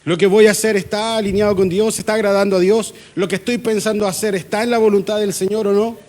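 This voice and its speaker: A man's voice: high voice, little pitch movement, fast, a little mellow. A man with a Chilean accent, a pastor preaching a conversational sermon in church, acting out little dialogues with humor.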